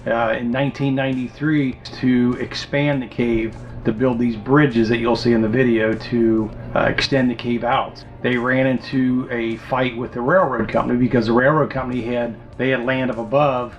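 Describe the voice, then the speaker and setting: A man's voice: mid-range voice, flat delivery, moderate pace, hardly any pauses, dull audio. A man co-hosting a travel vlog, explaining things in a casual, plain-spoken, folksy way.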